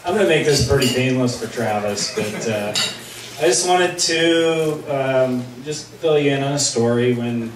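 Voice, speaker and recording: Middle-aged father giving a relaxed toast. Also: medium pitch, measured pace. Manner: relaxed, hesitant, lots of uh and um. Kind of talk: wedding toast storytelling. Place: wedding reception hall. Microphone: handheld microphone. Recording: echoey hall, distant mic, room noise.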